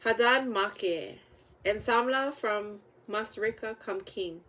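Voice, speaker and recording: A woman with a Hawaiian Pidgin accent reading Bible stories aloud, halting a little over the names. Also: medium pitch, a bit bright. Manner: halting over names, with stumbles and self-corrections.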